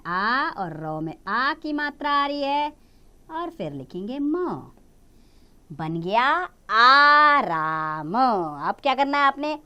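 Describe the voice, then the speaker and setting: A young woman teaching a Hindi lesson to small children. She draws out each word slowly, repeats it, and coaxes them with questions. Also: fairly high pitch, bright, forceful tone, clean tone, lo-fi sound. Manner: drawn-out syllables when modelling words, repeats each word twice. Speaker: primary school Hindi teacher.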